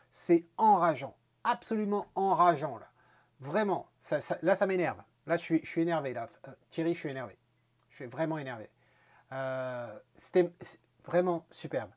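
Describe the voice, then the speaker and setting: A man hosting a photo contest, giving casual critiques in an animated way, full of fillers and repeated words, with teasing, mock-angry scolding. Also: a little high.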